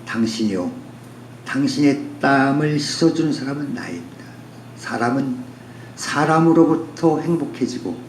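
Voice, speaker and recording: A poet and author gives an unscripted talk, a reflective spoken essay, in a man's medium-pitched, slightly mellow voice. He muses philosophically and poetically, leaning on rhetorical repetition. The room has an echo and faint background noise.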